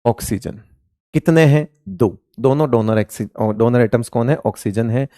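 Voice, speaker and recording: Medium in pitch and mellow, a man speaks at a normal pace as he lectures a class on chemistry in Hindi. Over and over he asks questions and answers them himself, fondly calling the students beta and raja. The studio-quality audio has no echo.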